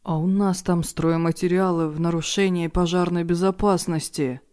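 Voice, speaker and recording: A woman's voice: deep voice, moderate pace, mellow, close to an everyday voice. A woman doing a flustered hotel administrator man. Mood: defensive. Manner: velvety, soothing voice turning uneasy.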